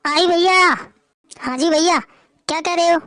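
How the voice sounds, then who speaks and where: A woman's voice: very high voice, steady tone, a little slow, no room sound, studio quality. A woman playing a soothing young wife. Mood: placating.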